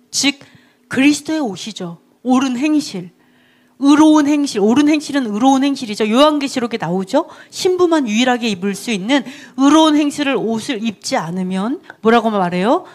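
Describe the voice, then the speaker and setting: A woman's voice: sits high, a little mellow. A woman preaching a sermon in a chatty storytelling way, laughing often and asking her listeners questions. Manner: asks the audience questions.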